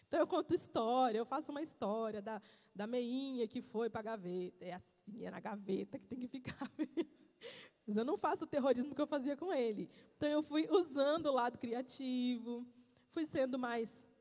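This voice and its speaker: A woman preaching a church sermon on marriage, animated and laughing as she tells stories. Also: fairly high pitch. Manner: animated, storytelling, laughs often. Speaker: pastor's wife preaching. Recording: church hall reverb.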